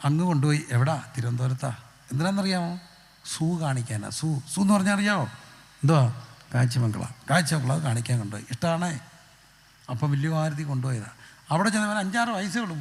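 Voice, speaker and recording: A Malayali man preaches a lively gospel sermon to an open-air crowd and keeps asking them questions. His voice is gravelly and sits a little high. It rings out with a long, echoing tail from the loudspeakers. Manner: animated, asks the crowd questions. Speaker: pastor. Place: outdoor street gathering.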